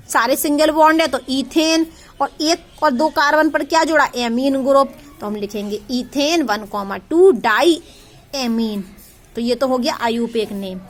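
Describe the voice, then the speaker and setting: A woman's voice: sits high, a bit bright. A woman teaching a chemistry lesson, repeating terms and quizzing her students with questions. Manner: addresses students affectionately as child. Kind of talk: classroom lecture.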